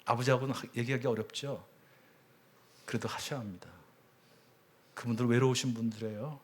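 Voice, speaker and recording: A middle-aged man preaching a sermon as a church elder, telling stories with sudden swings between loud cries and hushed words. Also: mid-range voice, steady tone, a little fast. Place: church sanctuary.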